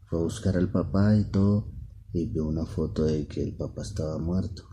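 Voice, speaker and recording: A father telling his child a bedtime story at home, in a soft, unhurried way with lots of repetition. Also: low-pitched, steady tone, a little hiss or hum.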